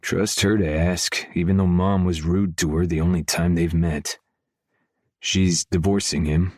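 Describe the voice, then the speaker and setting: Deep-voiced male audiobook narrator. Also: steady tone, a little slow, a little mellow, dry recording, clean studio sound. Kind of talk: scripted first-person audiobook narration.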